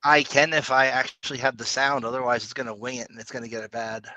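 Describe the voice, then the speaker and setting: A man's voice: mid-range voice, flat delivery, fast talker, a crowd in the background, low-quality recording. A man co-hosting a podcast in casual, rambling chat, laid-back and swearing now and then. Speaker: podcast co-host.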